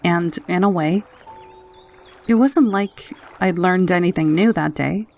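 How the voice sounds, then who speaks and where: A woman narrating a scripted first-person scary story in a low, haunting, measured manner. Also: a little mellow. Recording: narration over background music. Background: music.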